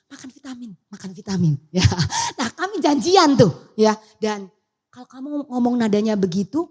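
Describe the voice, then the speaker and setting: A middle-aged woman preaching a church sermon with an Indonesian accent, animated, acting out family conversations and laughing as she speaks. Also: breathy edge. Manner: animated, acts out family dialogue, laughs often; loud, high-pitched when speaking emphatically.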